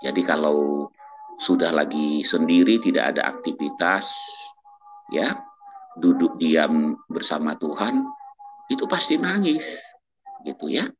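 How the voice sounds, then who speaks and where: A man, a doctor and church minister, telling his faith testimony in a casual talk-show chat, animated, quoting others and chuckling as he goes. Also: rumbling low, unhurried, pauses often, highs cut off, music in the background.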